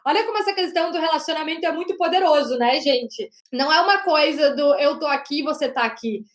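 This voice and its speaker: Loud high-pitched woman giving a coaching lesson, keeps saying "right?", echoey room. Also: fast talker. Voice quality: loud, projecting voice. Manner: emphatic, with frequent "né?" and "gente". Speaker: communication coach. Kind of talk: online lesson. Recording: roomy echo.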